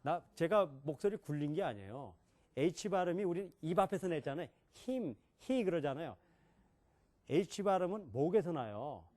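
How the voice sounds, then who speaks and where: Lively man lecturing on pronunciation. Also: a little high, normal speed. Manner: animated, questions the audience and demonstrates sounds. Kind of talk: classroom lecture.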